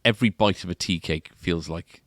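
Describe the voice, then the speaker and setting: Co-hosting a guitar shop's podcast indoors, this man chats casually in a low voice that runs a little fast. He tends to close his remarks with tag questions.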